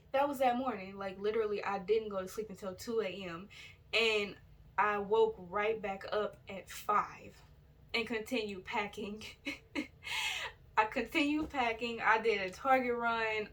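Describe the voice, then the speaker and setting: A woman's voice: medium pitch, recorded from a distance. A woman telling her viewers a rambling, casual story to camera, full of fillers and self-corrections. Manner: chatty and relaxed, addresses viewers directly. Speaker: vlogger. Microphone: built-in device camera mic.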